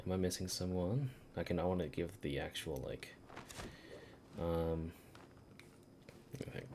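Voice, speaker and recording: A deep-voiced man talks over his gameplay stream at a measured pace, with fairly even intonation and a slightly mellow tone. He rambles casually, thinks out loud and swears a bit, with game music and a little hiss or hum behind him.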